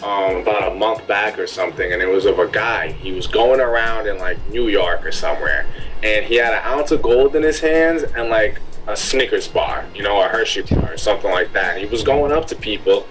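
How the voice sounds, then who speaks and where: A man in his twenties co-hosting a casual podcast, talking in an animated way and full of "like" fillers. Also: lowish voice, fairly quick, rough recording. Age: 20s. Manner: animated, heavy use of "like" fillers. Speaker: podcast co-host. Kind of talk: casual group chat.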